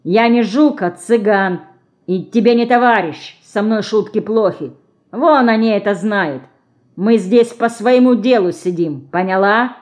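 A woman voicing a gruff, threatening grown outlaw man in an audiobook. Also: mid-range voice, a little slow, darkish tone, lightly acted. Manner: rough, threatening.

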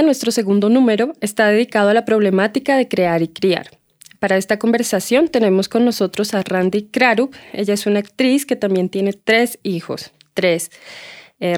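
A woman hosting a podcast with a middle-pitched, plain voice. She reads out a scripted introduction at a measured, steady pace. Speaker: podcast host.

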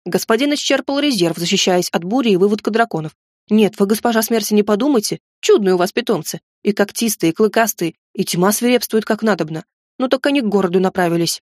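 A woman's voice: medium pitch, fast, a little mellow, dry recording, studio quality, lightly acted. A woman reading an audiobook, voicing a chatty, nervous male goblin servant who is undead and talks in a rambling, folksy way.

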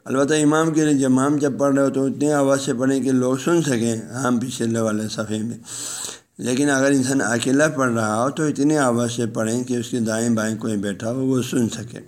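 A man's voice: mid-range voice, fairly even intonation, darkish tone. A male religious lecturer who reads short phrases from a text and explains each one in a plain, conversational way, speaking directly to his listeners. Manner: speaks directly to listeners, telling them to pass the ruling on at home. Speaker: religious lecturer teaching a law book.

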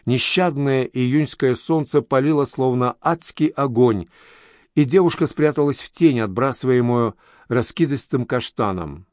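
Male audiobook reader, mid-pitched, steady, dry close recording. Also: unhurried, dry recording. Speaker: narrator. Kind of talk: audiobook narration.

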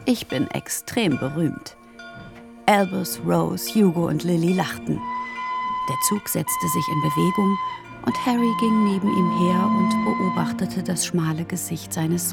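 A woman calmly reading a novel aloud as narrator. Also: on the low side, creaky, loud music behind the voice. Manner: calm, measured storytelling. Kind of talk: literary reading.

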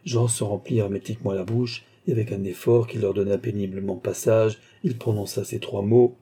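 A man narrating a classic novel in a steady, measured storytelling manner. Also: lowish voice, slightly rough. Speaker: audiobook reader.

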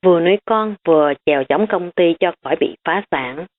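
A woman's voice: fairly low pitch, expressive, fairly quick, natural voice. A woman voicing a stern elderly grandmother who lectures her family firmly. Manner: firm, lecturing. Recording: tinny phone-like recording.

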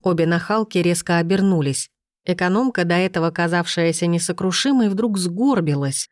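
A woman narrating a first-person novel in an even, expressive reading on a close mic. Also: fairly low pitch, moderate pace, no echo. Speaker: audiobook narrator.

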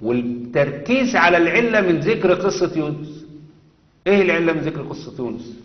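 An Egyptian man teaches a religious lesson at a brisk clip, driving his points home with rhetorical questions. His voice rings out in a long, echoey hall. The recording sounds dull and muffled. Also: fairly high pitch, expressive. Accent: Egyptian Arabic. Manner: emphatic, asks rhetorical questions.

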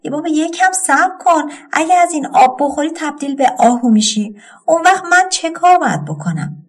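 A woman's voice: high-pitched, very animated, pitched above the performer's own voice. A woman voicing a young girl in a folk tale who anxiously warns and pleads with her brother. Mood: pleading.

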